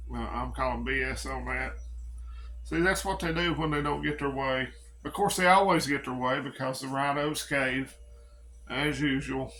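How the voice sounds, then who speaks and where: A middle-aged East Tennessee man rambles to camera in a folksy, blunt way, running his preparedness vlog. His voice sits a touch high for a man. A faint hum of background noise runs under him. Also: fairly bright tone. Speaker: preparedness vlogger. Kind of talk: casual chat to camera.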